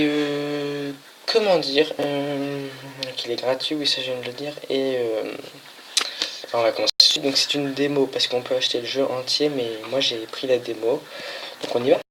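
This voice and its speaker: A man of medium pitch chats casually through a let's-play, filling gaps with hesitant pauses and fumbling through English on-screen text. A clear hiss of noise sits under his voice throughout the recording. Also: bright, forceful tone. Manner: hesitant, lots of filler pauses, stumbles reading English. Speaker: gaming channel host. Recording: noisy home recording.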